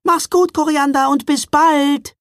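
A man's voice: very high-pitched, fairly even intonation, unhurried, fairly bright tone, dry recording, clean studio sound, pitched above the performer's own voice. A man voicing a cheerful, easily amazed little girl in a storybook reading, squealing with wonder.

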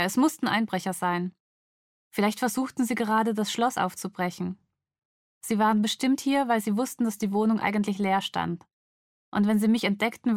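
A woman, an author, reading a tense first-person scene from her novel aloud in a measured, steady way. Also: medium pitch, no echo, clean studio sound.

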